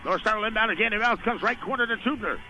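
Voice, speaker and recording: Calling basketball play-by-play from an indoor gym, this American radio announcer talks quickly in a high-pitched voice. His clipped, running commentary comes through a noisy live broadcast.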